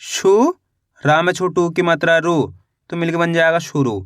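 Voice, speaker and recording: Man, high voice, reading teacher, encouraging, slow syllable blending, dry close mic. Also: fairly bright tone, no echo. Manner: encouraging, addresses viewers as friends. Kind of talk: phonics lesson, sounding out syllables.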